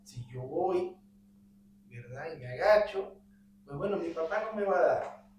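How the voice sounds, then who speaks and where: A man's voice: fairly high pitch, expressive, measured pace, a little mellow. A man in a Bible study talks animatedly about raising his son, acting out their exchanges. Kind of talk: conversational testimony. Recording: roomy, distant mic with faint hum.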